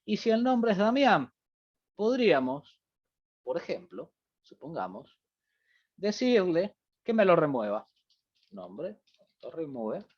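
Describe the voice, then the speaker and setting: Brief: male programming teacher, slightly high voice, talks through live coding on a muffled computer mic. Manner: thinks aloud while typing, many fillers like "fíjense" and "bien". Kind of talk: live-coding class explanation. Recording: dull lo-fi audio.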